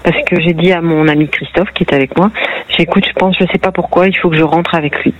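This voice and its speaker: Calling in to a radio phone-in, a middle-aged woman from northern France tells her story chattily, acting out the dialogue with quoted lines. Her lowish voice is fairly even in intonation and quick-paced, with no room sound, heard over a muffled phone line.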